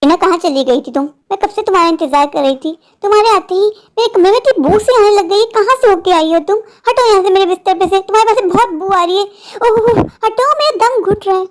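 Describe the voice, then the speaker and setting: A woman voicing an irritable elder sister who scolds impatiently in an animated horror story. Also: very high voice, quick pace. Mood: irritated.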